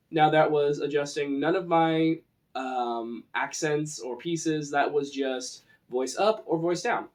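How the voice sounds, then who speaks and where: Slow and fairly high-pitched, a man with a Western American accent from the western United States delivers an informal, chatty tutorial on tabletop roleplaying.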